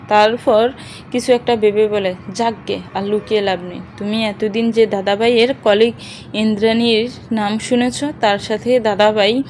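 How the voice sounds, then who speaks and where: A woman's voice: mid-range voice, darkish tone, slight background noise, low-quality recording. A woman reading an audio story aloud, narrating and speaking every character's dialogue in one voice.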